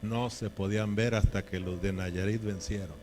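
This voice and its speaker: A man's voice: lowish voice, steady tone, normal speed, noisy background. A man preaching a sermon in a folksy, joking way, often checking in with his listeners. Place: church.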